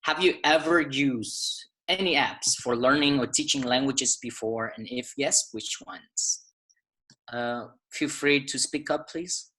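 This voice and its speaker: A man hosts a teachers' webinar from his computer mic. His voice is bright and forward, and he talks hesitantly, with many fillers and restarts. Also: mid-range voice, measured pace, low-quality recording. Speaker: webinar host. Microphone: computer mic on a video call.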